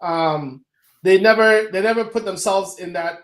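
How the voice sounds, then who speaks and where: A man from Ghana with a high voice tells stories in a relaxed podcast chat. His voice bounces around a reverberant room. He talks with animated energy. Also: measured pace. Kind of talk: casual conversation.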